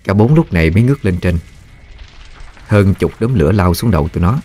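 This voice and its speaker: A man narrating a ghost story in a slow, ominous storytelling manner. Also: low voice, lively intonation, dark tone, husky, faint music behind.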